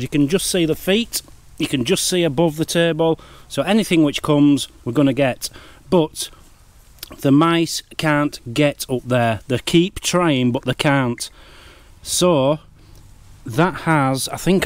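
A middle-aged man narrating a wildlife camera vlog outdoors in a wood, in a chatty, easily excited way. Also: on the high side, no echo. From United Kingdom. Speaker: wildlife vlogger. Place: woodland outdoors.

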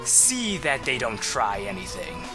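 A man voicing a gloating evil warlock lord from a video game with slow theatrical menace. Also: mid-range voice, wildly swooping pitch, over music. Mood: cold threat. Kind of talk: reading game dialogue aloud in character.

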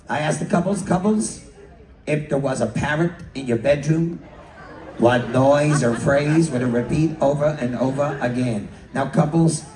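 Scottish male game show host, slow and bouncy, heard from far off in an echoey hall. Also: medium pitch. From Scotland. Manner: animated and teasing, laughing and shouting punchlines. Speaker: cruise director hosting a couples' game show. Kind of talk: live game show hosting. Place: cruise ship theater with a live audience. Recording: echoey hall, distant mic, crowd noise.

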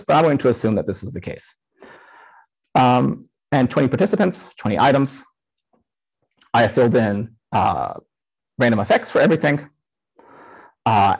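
Gravelly-voiced man giving a live coding talk. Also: mid-range voice, darkish tone, low-quality recording. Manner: casual, many "um" fillers. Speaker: conference speaker. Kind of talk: live-coded conference talk. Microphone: headset.

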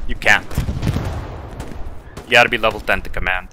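A man's voice: on the low side, moderate pace, noisy background. A man playing a war shooter with friends, calling orders to his squad and cracking dry jokes. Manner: barks commands, animated, dry jokes. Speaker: squad leader in a shooter game. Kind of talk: casual gaming chat, calling orders.

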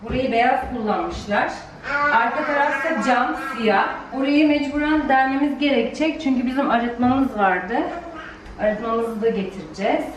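A woman vlogger chatting excitedly to viewers as she tours an empty new apartment, her voice ringing with a strong room echo. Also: a little high, normal speed. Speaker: vlogger and mother. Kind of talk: casual home-tour vlog talking to viewers. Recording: roomy echo from far off, with noise.

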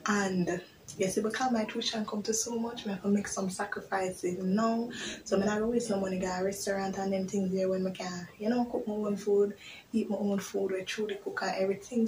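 A woman's voice: medium pitch, darkish tone, rough recording. A young woman in her twenties with a lilt talks casually to her camera, candid and a little rambling. She is recorded in a small bedroom on a camera sitting on a desk, with a faint hum of ambience behind her. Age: 20s. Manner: chatty, candid and rambling, with creole-flavored grammar. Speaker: vlogger. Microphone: device camera on a desk.

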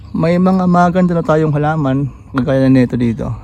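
A man giving a casual walk-through tour of his backyard vegetable garden, relaxed and pointing things out with many fillers, a little out of breath. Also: fairly high pitch, normal speed, creaky, a little hiss or hum. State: slightly out of breath after jogging. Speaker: gardening vlogger.

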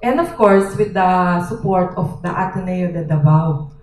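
A woman's voice: on the low side, a little mellow. Filipino woman speaking up at a workshop. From Philippines. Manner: listing points with frequent pauses. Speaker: workshop participant. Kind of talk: question and answer discussion. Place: hotel conference room. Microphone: handheld microphone through room speakers. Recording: echoey hall from far off.

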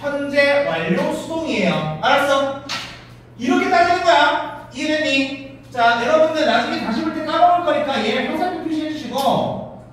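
A male English grammar teacher giving a classroom lesson, constantly quizzing his students with quick questions. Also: extremely high pitch, animated, fairly bright tone, soft background music. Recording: echoey room, mic far off.

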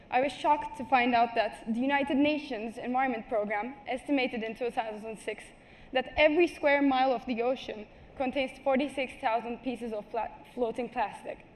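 An earnest teenage girl from Turkey with a high voice gives a prepared conference talk on a large stage before a seated audience. Speaking through a headset mic, she makes small restarts and apologies.

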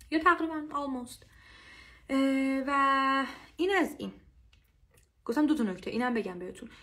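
Brief lively Persian-accented woman, casual English teacher on a livestream, slow drilled repetitions. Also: high voice. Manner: lively, drills English phrases slowly and repeats them.

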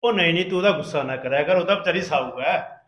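A man playing a calm husband who talks mildly and tries to make peace. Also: fairly high pitch, fast talker, roomy sound, close to an everyday voice. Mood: placating. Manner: placating, mild.

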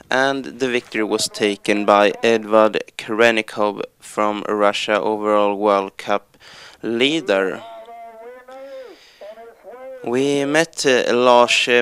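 A man presenting a sports report on a ski race, plain and halting with fillers. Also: medium pitch, fairly bright tone.

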